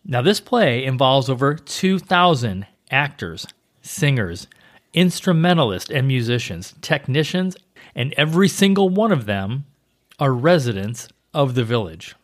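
A man co-hosting a travel podcast, chatting casually and informatively about destinations. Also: medium pitch. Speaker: podcast co-host, travel agent.

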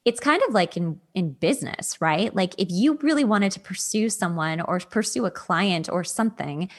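With a fairly low voice, lively intonation and an ordinary pace, this podcast host talks through personal dating advice in a relaxed, conversational way. She often repeats words to stress her points.

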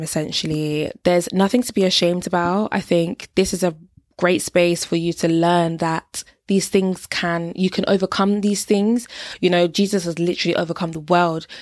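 Young woman, faith podcast host; earnest, affectionate encouragement, lower pitch. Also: no room sound, clean studio sound. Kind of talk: faith-based encouragement talk.

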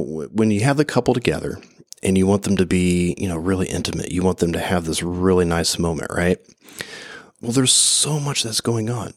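A man's voice: low voice, dry recording, clean studio sound. A man hosting a photography podcast, giving casual, conversational advice with frequent fillers and restarts.

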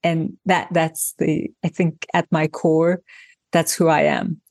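Deep, creaky and darkish, this Turkish woman's voice comes slowly and flatly as she, a designer and author, talks reflectively in an interview, using examples and restarting frequently. The recording is dry and studio clean.

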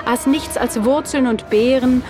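Slow, gentle woman reading a fairy tale. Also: sits high. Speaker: narrator. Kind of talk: storybook reading. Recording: clear background music.

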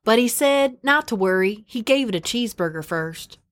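A woman's voice: on the high side, lively intonation, moderate pace, fairly bright tone. A young woman hosting a podcast, chatting frankly, swearing casually and reading listener stories and ads aloud. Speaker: podcast host.

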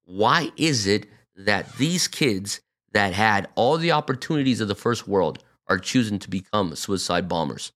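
A man's voice: on the low side, animated, a little slow, a bit bright. A man in his forties from Brazil, a pastor speaking on a podcast, telling his personal story in an earnest way with many fillers and restarts. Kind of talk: reflective personal testimony.

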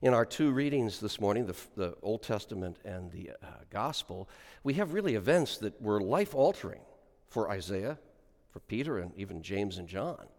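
A man's voice: lowish voice, expressive, moderate pace, darkish tone. Clergyman preaching in long, echoing church reverb. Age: middle-aged or older. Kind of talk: liturgical reading and sermon. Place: large church, speaking to a congregation.

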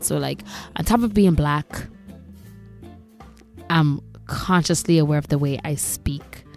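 A young woman from Grenada, with a Grenadian accent, hosts a podcast in a casual monologue. Her voice is deep and a little mellow, and she talks candidly, sounding a little exasperated.

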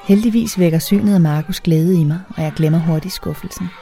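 A woman's voice: on the low side, vocal fry, mellow, soft background music. A young adult woman reading a first-person story aloud in a conversational way, lightly acting out the dialogue. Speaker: audiobook narrator.

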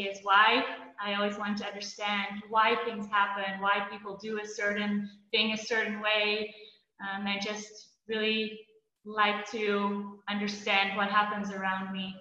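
A woman's voice: mid-range voice, sharp tone, a little hiss or hum. A woman from the Netherlands, raised in Belgium, answering interview questions in an earnest, reflective way. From Netherlands, grew up in Belgium. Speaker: guest. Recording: muffled echoey room sound.

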